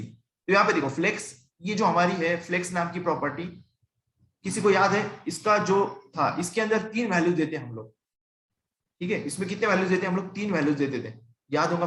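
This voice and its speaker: A young man from India teaching programming in a relaxed, conversational way, asking and answering his own questions. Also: on the high side, roomy sound. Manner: conversational, asks and answers own questions, often checks in with "ठीक है". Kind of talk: screen-recorded coding tutorial.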